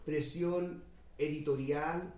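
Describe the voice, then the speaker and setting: A man moderates a literary panel discussion, measured and unhurried, pausing often on long fillers. His voice is a little high for a man, with a dark, mellow tone. He sits some distance from the mic in a roomy, echoing space. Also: steady tone. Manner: measured, many drawn-out "eh" fillers.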